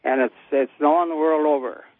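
This is a casual phone-in chat from a ninety-year-old American man whose talk is folksy and plain-spoken. His voice sits on the high side, steady in tone, at a normal speed. The telephone audio is dry, dull and lo-fi.

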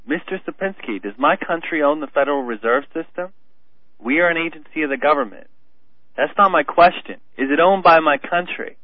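Caller over a tinny phone line. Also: male voice, on the high side, expressive, no echo. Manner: halting, reads a transcript aloud. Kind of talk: call-in radio talk.

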